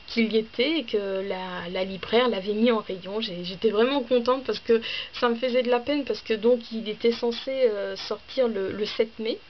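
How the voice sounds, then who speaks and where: A woman talking casually in a book vlog, listing titles in a hesitant, chatty way with many fillers and restarts. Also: medium pitch. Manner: chatty, listing items one by one. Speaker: book vlogger. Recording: slightly dull with faint background noise.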